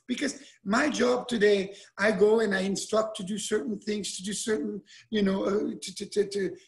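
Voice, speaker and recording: A man in his forties who grew up in Switzerland, a winemaker talking casually over a webcam, animated and given to repeating words. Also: high voice, creaky. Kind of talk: casual talk over video call. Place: indoor room with wine bottles and shelves. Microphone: webcam at close range.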